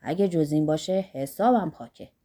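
A woman's voice: low-pitched, mellow, voice pushed down. A woman voicing an earthy, boisterous older workman, blunt and philosophizing, in an audiobook.

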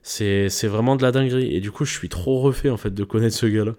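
A man's voice: on the low side, fast talker, a little mellow. A young man hosting a podcast, giving a casual motivational monologue in loose slang with lots of fillers and restarts. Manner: rambling, loose slangy talk with many fillers. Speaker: podcast host.

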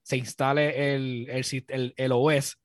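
A Puerto Rican man in casual chat as a podcast co-host, animated, restarting his sentences and swearing when worked up. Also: mid-range voice, unhurried, no echo, clean studio sound.

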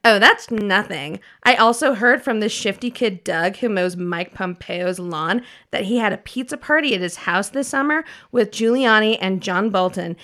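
A gossipy popular teenage girl with a bright, chirpy tone, played by a woman. She gushes in valley-girl slang as a radio sketch reporter. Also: medium pitch, lively intonation, normal speed, hardly any pauses.

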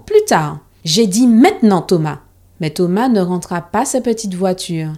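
A woman reading a children's story aloud in a calm, measured storytelling manner. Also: medium pitch.

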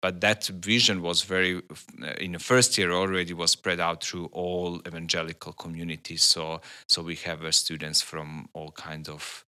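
Deep-voiced Serbian man with bright edge. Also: little pitch movement. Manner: halting non-native phrasing. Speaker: interview guest, Bible school director. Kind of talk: conversational interview answers.

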